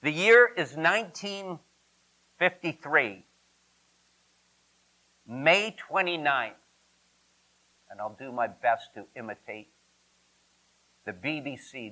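A man's voice: on the high side, bright, forceful tone, poor audio. A man preaching a sermon emphatically, asking rhetorical questions and drawing out repetitions. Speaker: pastor.

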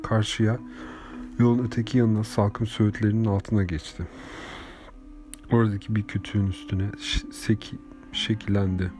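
A man narrating an audiobook in a measured, unhurried storytelling manner. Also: on the low side, level tone. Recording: reading over clear background music.

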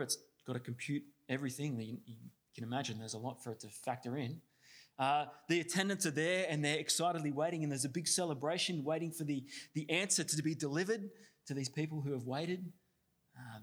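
A man's voice: fairly high pitch, fairly bright tone. A man reading scripture steadily, then preaching with many fillers and restarts.

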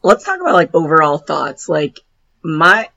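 A woman co-hosting a casual podcast chat with a hoarse, raspy voice that is nearly gone, talking informally with lots of filler words. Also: sits low, big pitch swings, normal speed, pushed and bright. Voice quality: raspy, husky. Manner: informal, heavy use of "like" and "you know".

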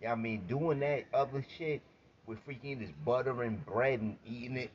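A man's voice: medium pitch, normal speed. A man in casual banter, emphatic and swearing freely, repeating himself to make his point. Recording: dull lo-fi sound with faint noise.

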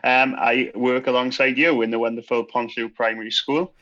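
A man's voice: medium pitch, flat delivery, brisk, pushed and bright, muffled recording. A man in his thirties with a Swansea Welsh accent, chatting casually and a little hesitantly as an interview guest. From Swansea, Wales. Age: 30s. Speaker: podcast guest, primary school teacher.

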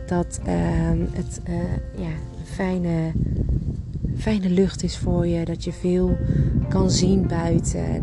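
Prominent music plays under a woman with a fairly low voice and a Dutch accent from the Netherlands. She talks as a podcast host in a casual, encouraging way. Her monologue speaks straight to the listener, like an informal walking companion. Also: creaky. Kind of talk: casual chatty guided-walk monologue.

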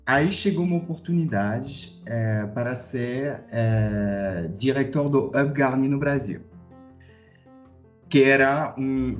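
A French man in his thirties, a corporate director with a French accent and mid-range voice, appears as a podcast guest. He recounts his career story hesitantly, full of fillers and restarts, in a muffled recording.

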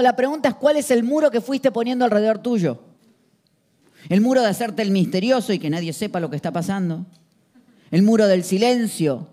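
A man's voice: very high-pitched, darkish tone. A man preaching a sermon, emphatic and full of rhetorical questions.

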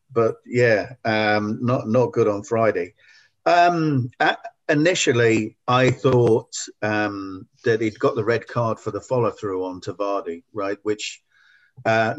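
A lower-pitched man talks through a refereeing decision in a hesitant, considered way, often pausing on "um". The audio is a little dull and lo-fi, like a modest podcast setup. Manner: hesitant, measured, lots of ums. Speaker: pundit, former player. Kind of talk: podcast football discussion.

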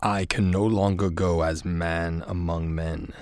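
A man reading a menacing, tempting dark lord in a script table read, slow and persuasive. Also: sits low, fairly even intonation, no room sound, clean studio sound.

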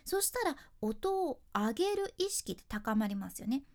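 A woman's voice: on the high side, very animated, moderate pace, a little mellow. A young woman with a Fukuoka accent, a freelance announcer giving a casual speaking lesson in chatty explanations with dialect endings. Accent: Fukuoka Japanese.

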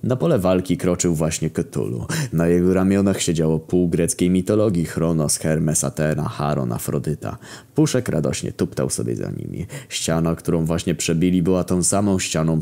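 Deep mellow guy telling a raunchy story, wry deadpan tone. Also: moderate pace, vocal fry. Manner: wry, deadpan, crude humor. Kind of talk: casual profane story narration.

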